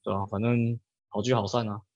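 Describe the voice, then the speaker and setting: A man's voice: lowish voice, little pitch movement, brisk, darkish tone, dry recording. A man chatting on a podcast, rambling with lots of fillers and stammered restarts. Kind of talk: casual chat. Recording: slightly dull, lo-fi sound.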